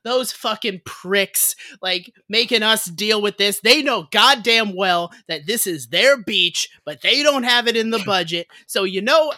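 A furious working man , as a woman puts him on, spits out a profane rant in a Massachusetts accent. The voice is bright and forceful, grumbling with exasperation at being saddled with a dirty job. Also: mid-range voice, lively intonation, unhurried, hardly any pauses, no echo. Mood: fed-up ranting. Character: angry working-class man, fed up and cursing.

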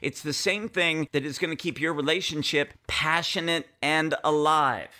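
A man's voice: fairly high pitch, moderate pace, pushed and bright. A man talking as a relationship coach on a podcast, earnestly addressing his listeners directly. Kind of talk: podcast monologue.

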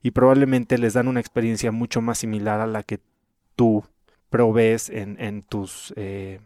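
A man's voice: on the low side, little pitch movement, measured pace, a little mellow, dry recording, clean studio sound. A man, hosting a conversational interview in a reflective, anecdotal way. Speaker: podcast host.

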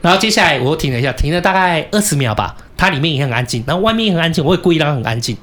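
A man with a Taiwanese Mandarin accent telling a story in casual chat, cursing and shouting when he acts out his anger. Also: on the high side, expressive, racing. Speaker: podcast co-host.

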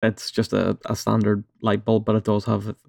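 A man's voice: on the low side, monotone, normal speed, creaky, darkish tone, dry recording, clean studio sound. A man with a British accent, hosting a podcast in a casual chat and putting questions to the others. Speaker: podcast host reading questions.

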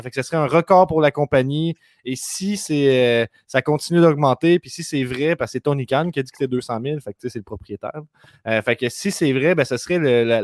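Québécois man running a fast news rundown. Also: mid-range voice, no echo, clean studio sound. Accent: Québécois French. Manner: quick news rundown, lists words rapidly. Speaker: podcast host. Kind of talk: casual podcast chat.

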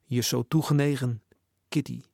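A sweet, chatty schoolgirl pouring out her excitement in a letter, as a male narrator reads it. The delivery stays near his own gravelly voice. The sound is close and dry. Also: medium pitch, normal speed, no room sound. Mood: gushing. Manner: chatty, gushing.

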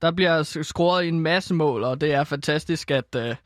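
A man's voice: fairly high pitch, no echo, clean studio sound. A man talking football on a radio show, casual and hesitant with many ums. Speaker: football pundit.

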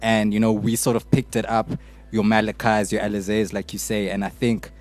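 A man's voice: lowish voice, little pitch movement, brisk, darkish tone. A man with a South African accent discussing casually as a podcast panelist, often checking in with small tag phrases. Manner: often tags phrases with "you know".

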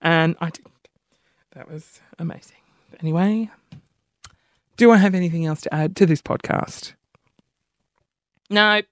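In studio-quality audio without echo, a podcast host with a high-pitched voice spins a casual storytelling monologue. He's animated and pokes fun at himself, leaping between high and low tones.

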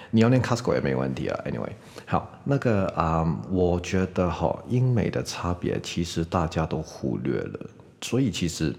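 A man teaches English pronunciation in an easygoing, rambling way, peppering his talk with fillers and OKs. His voice sits low with a gravelly fry. A long reverb trails behind his words. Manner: relaxed, chatty, with many fillers and repeated OKs. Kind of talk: casual spoken lesson.

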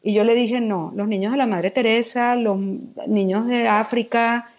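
A woman's voice: a little high, fairly even intonation, moderate pace. Candid woman telling a personal story. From Mexico. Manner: emotional storytelling, vivid and candid. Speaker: guest. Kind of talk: personal testimony in a podcast conversation.

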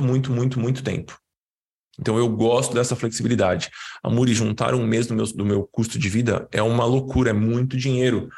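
This Brazilian-accented financial educator has a gravelly, husky voice pitched fairly low. Running an online class, he gives a live, informal lesson in a teaching tone, repeating words for emphasis as if in conversation.

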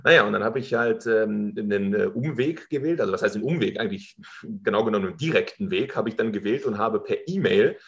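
A man's voice: fairly low pitch, lively intonation, brisk. Man, podcast guest, rambling anecdote, stammering restarts, muffled dull sound. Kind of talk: casual anecdote telling.

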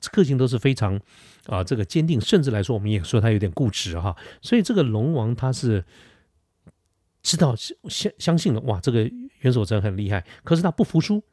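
A man's voice: medium pitch, a little mellow, no room sound. A man retelling a legend in a casual, chatty way, talking right to the listener and speaking close into a studio microphone. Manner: chatty, uses filler particles, asides to listener. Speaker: podcast storyteller. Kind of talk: casual storytelling narration. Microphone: Shure dynamic studio mic, close.

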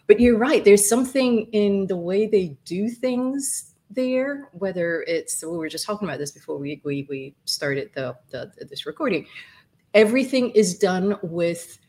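A woman's voice: medium pitch, animated, measured pace, warm tone. A woman from Somalia, a podcast guest talking effusively in a casual interview, with lots of fillers and easy laughter. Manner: effusive, laughs often, many fillers and restarts.

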